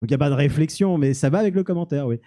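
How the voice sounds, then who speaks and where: A man's voice: fairly high pitch, rapid-fire, dark tone. A man answering audience questions on stage, rambling and self-mocking with many restarts. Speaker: youtuber guest. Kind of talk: live Q&A on stage. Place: small cinema-café venue with audience.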